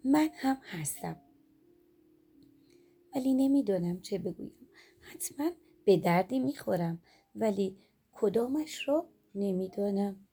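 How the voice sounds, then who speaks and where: A humble little earthworm talks in a slow, soft, modest way, voiced by a woman reading a children's story. Her voice is warm, gravelly and a little breathy. The manner is gentle and unassuming. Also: mid-range voice, lively intonation.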